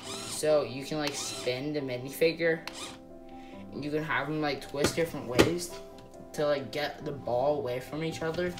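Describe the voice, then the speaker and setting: A woman's voice: low-pitched, moderate pace. A woman chatting casually through a Lego build vlog, rambling and hesitant with lots of fillers. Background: guitar music.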